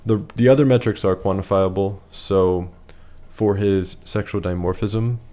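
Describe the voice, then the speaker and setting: A man's voice: deep voice, steady tone, a little slow, dark tone. A man losing his voice, giving a casual, matter-of-fact voice-over that rates features one by one. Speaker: facial analysis presenter.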